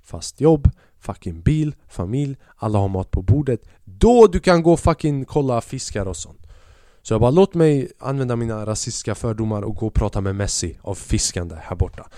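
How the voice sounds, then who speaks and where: A man's voice: medium pitch, lively intonation, warm tone, no room sound, studio quality. A man hosting a podcast who tells a comic story in a casual, slangy style, often swearing. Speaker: podcast host.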